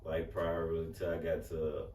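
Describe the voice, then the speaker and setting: A man with a Southern accent from Alabama, a rapper guest telling his story slowly and calmly in a casual interview. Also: extremely low pitch, a little hiss or hum. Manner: slow, laid-back storytelling. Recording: echoey room, mic at a distance, faint ambience.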